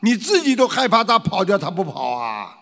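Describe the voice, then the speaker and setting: Man, lecture, animated, rhetorical questions, acts out scared voices, lively pitch. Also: normal speed, in a large hall, slight background noise. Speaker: teacher of traditional culture. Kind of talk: lecture to an audience.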